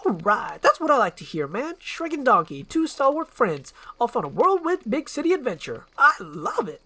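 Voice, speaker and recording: An excitable, talkative donkey sidekick as a woman acts him out. He is bubbly and eager, pitched up and leaping around in a lively story reading. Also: normal speed. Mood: delighted. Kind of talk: dramatized screenplay reading.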